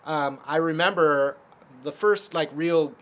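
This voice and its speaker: A man's voice: fairly high pitch, takes it slowly, fairly bright tone. A man teaching a casual guitar lesson, explaining chords step by step with lots of fillers.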